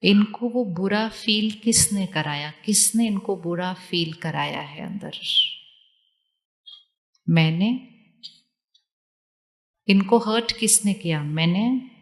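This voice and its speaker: A woman giving a spiritual talk to a live audience, calmly repeating questions to her listeners. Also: medium pitch, slow pace, pauses often, long reverb tail. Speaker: spiritual teacher.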